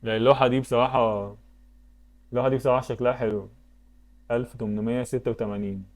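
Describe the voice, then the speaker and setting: Egyptian gaming YouTuber, male, rapid-fire talk, medium pitch, thinks aloud and exclaims. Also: steady tone. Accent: Egyptian Arabic. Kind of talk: casual commentary while playing web games.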